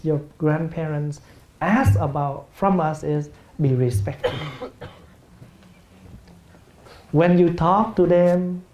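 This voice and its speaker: Male Buddhist monk with a Vietnamese accent, soft dark tone, gentle humor in a teaching talk. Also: fairly high pitch. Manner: gentle, plain-spoken, acts out family scenes with humor. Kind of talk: dharma talk with questions.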